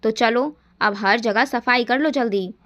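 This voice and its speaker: A woman's voice: fairly high pitch, measured pace, muffled recording. A woman voicing a kind mother-in-law. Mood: reassuring. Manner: soft, reassuring, motherly. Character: kind, gentle middle-aged mother-in-law.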